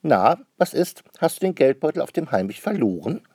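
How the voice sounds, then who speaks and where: A busy storybook mother, impatient and full of questions, as a man reading aloud puts her on. The voice is lifted a little, husky and lively in pitch, recorded dry and close. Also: moderate pace, no room sound, exaggerated voice.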